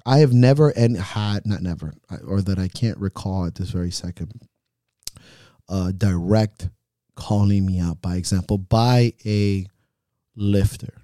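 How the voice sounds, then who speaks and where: A man's voice: sits low, unhurried, warm tone, dry recording, clean studio sound. A man hosting a podcast as a coach, talking in a frank, reflective way and swearing freely. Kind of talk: casual podcast chat.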